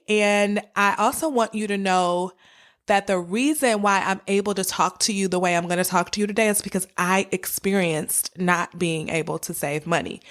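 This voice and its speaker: Speaking at a medium pitch, a woman hosts a personal finance podcast, talking directly to her audience like a warm, encouraging coach. Her cough and sore throat from a cold give her voice a faint rasp.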